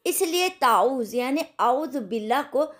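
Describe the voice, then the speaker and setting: Woman tajweed teacher, online lesson, slow and patient, breaks words into syllables. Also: high voice, lively intonation, a bit bright. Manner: slow, patient teaching with repeated check-ins; sounds out syllables slowly for practice. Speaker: Quran recitation teacher.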